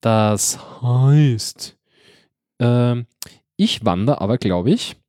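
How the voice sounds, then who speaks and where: A man's voice: medium pitch, expressive, extremely slow, darkish tone, dry recording, clean studio sound. A man co-hosting a podcast, learning a board game in casual chat and hesitantly checking the rules with many questions.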